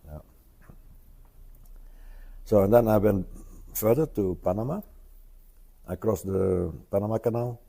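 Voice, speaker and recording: A man in his seventies, an interview guest, speaking hesitantly with many pauses and tag questions. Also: on the low side, creaky, warm tone. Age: 70s. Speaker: interview guest, retired traveler. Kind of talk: casual conversational interview.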